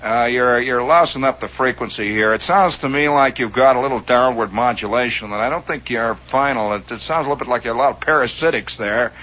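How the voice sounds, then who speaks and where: A man voicing a gruff, famous male radio ham who talks down to a newcomer in a brusque, dismissive way, on a dull lo-fi recording. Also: mid-range voice, a little fast, few pauses, bright, forceful tone, voice pushed up, close to an everyday voice.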